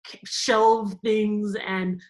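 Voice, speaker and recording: A woman from Cameroon, a guest in an interview, telling stories in a lively, animated way and laughing often. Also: medium pitch, drawn-out words, low-quality recording. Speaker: guest, theme park company executive. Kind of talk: conversational interview.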